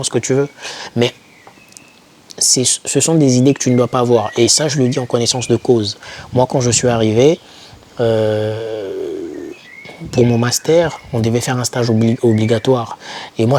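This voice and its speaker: A man's voice: mid-range voice, darkish tone, slight background noise. Direct, chatty young man giving advice. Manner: direct, conversational, addresses viewer as tu. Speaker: YouTuber advising foreign students. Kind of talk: casual direct-to-camera advice.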